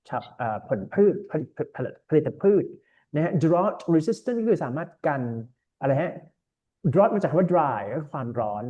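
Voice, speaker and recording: Mellow-voiced tutor man. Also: a little high, big pitch swings, unhurried, highs cut off. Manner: explains step by step, mixing Thai and English, reassuring. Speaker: IELTS tutor. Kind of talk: online tutoring lesson.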